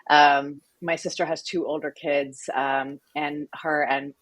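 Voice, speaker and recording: Low-voiced woman guest. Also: little pitch movement, slow pace, dry recording. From Southern California. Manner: articulate, warm storytelling with fillers. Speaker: guest, company executive. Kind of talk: interview conversation.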